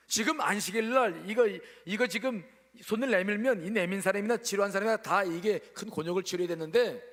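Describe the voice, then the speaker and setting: A man's voice: high voice, a bit bright, in a large hall. A male pastor preaching a sermon at a church service, speaking emphatically and calling on the congregation to answer aloud.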